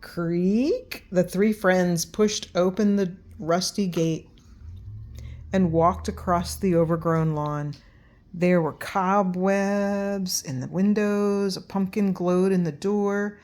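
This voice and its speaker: An older woman narrates a children's storybook. Her voice sits slightly low for a woman, and she reads aloud as a grandmother would to children. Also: steady tone, takes it slowly, darkish tone.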